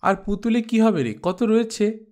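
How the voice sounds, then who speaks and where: A fond mother scolds her small daughter gently, her chiding full of warmth, voiced by a male audiobook reader. Her voice lifts higher than his narration and moves unhurriedly. This is a storybook character voice. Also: unhurried. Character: affectionate scolding mother, middle-aged woman.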